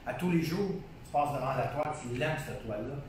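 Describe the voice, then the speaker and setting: Being interviewed casually, a Québécois painter speaks a little fast in a mid-range voice, full of enthusiasm about his painting. He keeps repeating himself and restarting sentences. The recording places him far from the mic in a very echoey space, over a faint hiss.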